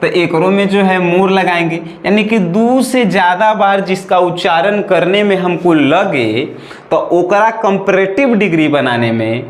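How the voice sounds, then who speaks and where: A man's voice: high-pitched, measured pace, roomy sound. A man with a Bhojpuri accent teaching English grammar, repeating points and checking that students follow. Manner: repetitive, checks in with "right or not?". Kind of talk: classroom-style lesson.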